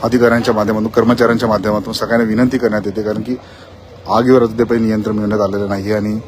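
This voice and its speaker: A man reporting live from the scene of a factory fire, in a quick, repetitive on-the-spot news style. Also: on the low side, flat delivery, a little mellow, a little hiss or hum. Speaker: field reporter.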